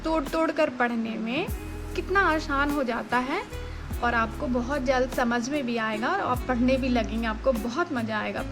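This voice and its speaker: A woman's voice: fairly high pitch, moderate pace. A woman teaching devotional Sanskrit recitation, explaining and chanting syllable by syllable. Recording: music playing behind.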